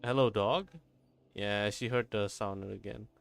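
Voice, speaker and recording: A man livestreams a game, chatting informally, thinking aloud and repeating phrases. His lowish voice is creaky, steady and unhurried, with faint music behind it.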